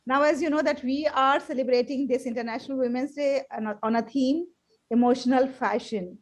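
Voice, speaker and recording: A woman's voice: sits high, fairly even intonation, a little fast. A woman hosting a show, welcoming her guest in a formal, ceremonious manner. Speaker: host.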